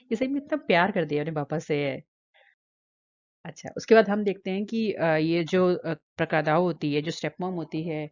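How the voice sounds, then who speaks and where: A woman's voice: lowish voice, moderate pace, darkish tone, dull audio. Hesitant woman recapping a drama. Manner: hesitant, many filler sounds and restarts, quotes the characters' lines in her own voice. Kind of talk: casual Hindi retelling of a drama episode.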